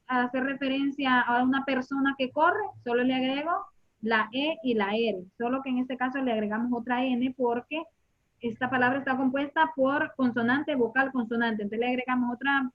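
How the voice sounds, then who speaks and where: A woman with a high, bright-pitched voice leads a classroom lesson, walking her students patiently through each point. She repeats her questions and quizzes the class as she goes. The recording sounds muffled and lo-fi. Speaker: English teacher.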